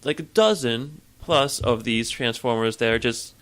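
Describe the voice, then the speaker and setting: A man's voice: mid-range voice, a little slow, fairly bright tone, clear, resonant tone. Joking, rambling man reviewing a film. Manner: joking, rambling, laughs between remarks. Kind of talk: casual movie review chat.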